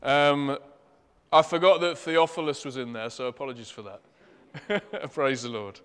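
A man's voice: mid-range voice, measured pace, smooth. A man with a Leicester accent speaking as a pastor, preaching and leading a church congregation. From Leicester, England. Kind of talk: sermon, addressing a congregation with prayer and asides. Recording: echoey hall with long reverb.

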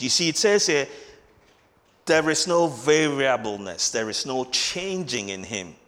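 A man preaching in a church hall, his bright, forceful voice carrying with a long reverb around it. He hammers key words by repeating them and slows right down when reading scripture aloud. The delivery is a sermon, earnest and emphatic. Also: mid-range voice. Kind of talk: Christmas sermon.

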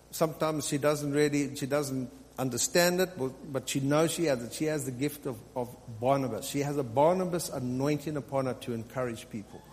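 Medium in pitch and darkish in tone, a man's voice carries this sermon. The pastor exhorts his congregation in unscripted teaching, leaning on repeated phrases for emphasis. It was captured live in a large, reverberant room, with faint hum and noise.

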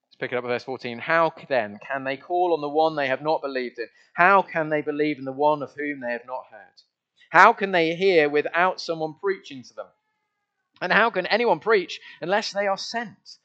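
Male pastor, earnest and conversational, slightly raised pitch, dull lo-fi sound. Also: bright, forceful tone. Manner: earnest, conversational, with many restarts. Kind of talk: sermon. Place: church.

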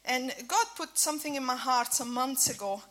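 In a high-pitched, somewhat bright voice at a moderate pace, a woman in her fifties gives a relaxed sermon at a church breakfast, with lots of fillers and restarts. She is from Italy, speaks Italian natively, and her accent is Italian with a faint Scottish trace.

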